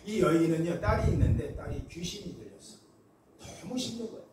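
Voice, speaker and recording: A male pastor preaching a sermon, telling stories in an animated way and acting out the voices. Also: a little high, a little fast. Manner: animated storytelling, acts out voices. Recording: echoey hall from far off, faint noise.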